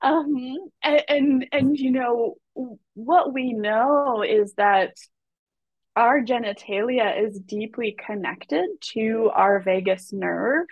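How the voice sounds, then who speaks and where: A woman speaking as a guest educator in a podcast conversation, measured and reflective, with soft fillers. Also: a little high, dry recording, dull audio. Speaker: guest, body and sexuality educator.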